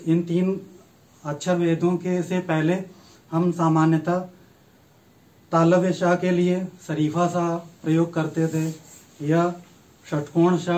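A man giving a recorded university lecture on grammar, reciting letters and rules one by one in a slow, methodical way. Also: on the high side, darkish tone, rough recording. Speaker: Sanskrit lecturer.

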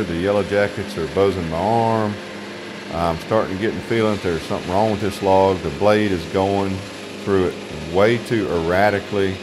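A man's voice: sits low, background noise. An older man with a Southern US accent, a sawmill owner narrating his work video in a wry, grumbling, folksy way.

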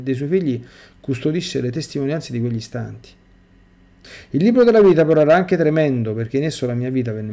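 A man's voice: medium pitch, dark tone. A middle-aged priest reading a testimony aloud in a sermon and breaking off to exhort his listeners.

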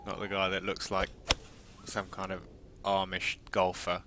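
A man's voice: deep voice, monotone, unhurried, noisy background. A man bantering over a golf game, joking and teasing and laughing often. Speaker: gaming commentator. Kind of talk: casual gaming banter.

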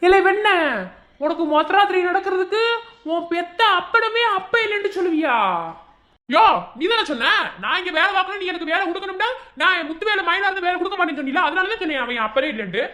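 A pushy young cartoon man with a Madurai accent, voiced by a woman. He rattles on fast in a high voice, badgering for work. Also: animated, bright, forceful tone, full character voice. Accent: Madurai Tamil. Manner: pushy, bantering.

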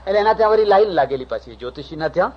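Male swami telling humorous stories in a discourse; husky, a bit high, lo-fi tape. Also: very fast. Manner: lively storytelling, acts out characters' voices. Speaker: swami giving a spiritual discourse. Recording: dull lo-fi cassette recording.

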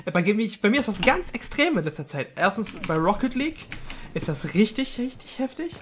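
A man's voice: high-pitched, big pitch swings, normal speed, slight background noise. A young man gives chatty, slangy let's-play commentary, rambling casually with English gamer words mixed in. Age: young adult. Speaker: gaming video host.

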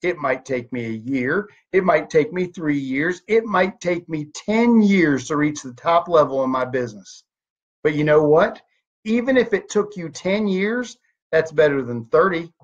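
Speaking to his desk webcam from a home office, a network marketing leader aged thirty-nine gives a forceful pep talk packed with rhetorical questions and lively hand gestures. His voice leans high and a little slow, captured in dull, lo-fi webcam sound.

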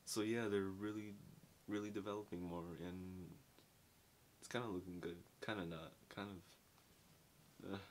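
A man's voice: low-pitched, steady tone, moderate pace, pauses often, a little hiss or hum. A young man giving a casual spoken book review, rambling in slang with lots of filler words, filmed in a small dim bedroom.

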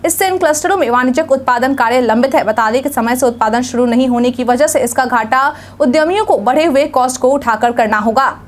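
A young woman reads the evening headlines from a studio news desk. Her voice sits high, and her delivery stays formal and even, in the measured manner of a newsreader. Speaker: news anchor. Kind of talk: read news bulletin. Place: studio news set, indoors.

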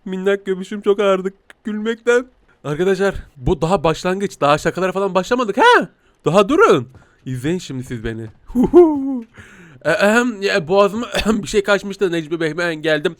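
Giggly, high-voiced man playing a cat. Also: big pitch swings, moderate pace, dry recording. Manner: giggly, teasing, playful. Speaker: gaming YouTuber playing a talking cat. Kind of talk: playful game commentary.

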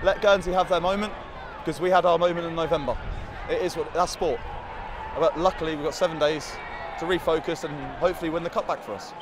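A man, a rugby team captain, speaking plainly and quickly about a loss in a post-match interview outdoors. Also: a little high, steady tone. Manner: rapid, plainspoken, accepting defeat. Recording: loud crowd and outdoor noise.

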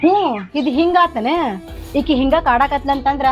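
An actress playing a defiant, sharp-tongued young stepmother with a North Karnataka accent. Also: high voice, normal speed, lo-fi sound, faint music behind, natural voice. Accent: North Karnataka Kannada.

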